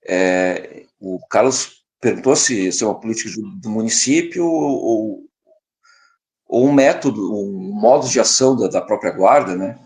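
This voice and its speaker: A man co-hosting a podcast, explaining background in a measured, casual way. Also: on the low side, lively intonation, a little mellow. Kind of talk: casual discussion.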